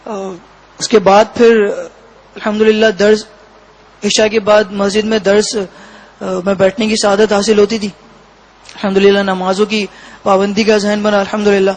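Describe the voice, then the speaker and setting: A man giving a personal testimony as an interview guest, talking in a halting, reflective way with frequent pauses. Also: high-pitched, monotone, poor audio. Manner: halting, reflective, pausing often between phrases.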